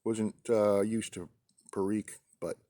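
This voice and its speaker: American guy w a lowish voice rambling out on his deck, lots of pauses mid sentence, casual vlog. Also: fairly even intonation, warm tone, dry recording, clean studio sound. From New England, United States. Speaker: pipe-smoking video host. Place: outdoors on a deck in a light breeze.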